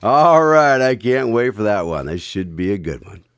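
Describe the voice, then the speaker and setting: A man with a lowish, very animated voice hosts and announces a radio drama at a normal speed, chatting about the story and reading the credits in a scripted style. Music plays beneath his voice.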